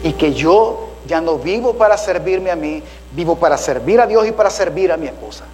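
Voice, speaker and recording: A man's voice: on the high side, lively intonation, normal speed, a little mellow, rough recording. A man preaching a sermon as a pastor, calling listeners "brother" and asking them rhetorical questions.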